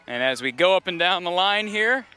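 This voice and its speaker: A man's voice: high voice, lively intonation, moderate pace, bright, forceful tone, smooth. A man giving a chatty, upbeat live report as he walks through an outdoor tailgate lot near a stadium. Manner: upbeat, chatty, interviews passersby. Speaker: on-scene reporter. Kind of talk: live roving field report.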